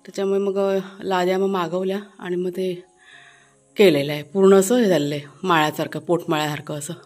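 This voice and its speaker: A woman's voice: on the low side, flat delivery, fairly quick, a little mellow, dry recording, faint music behind. A woman casually chatting to her viewers while showing a village garden outdoors, with many fillers. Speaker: vlogger. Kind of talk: casual village vlog narration.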